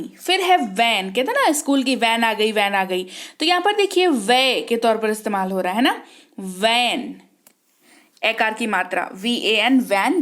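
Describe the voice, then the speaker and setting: A woman teaching an online spelling lesson who asks the class questions and answers them herself, spelling out words slowly and repeating them. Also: on the high side, fairly bright tone. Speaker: English teacher.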